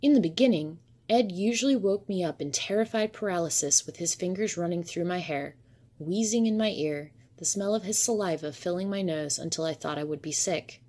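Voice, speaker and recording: Low-voiced woman narrating a creepy story. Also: a little fast, dark tone. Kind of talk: first-person horror story narration.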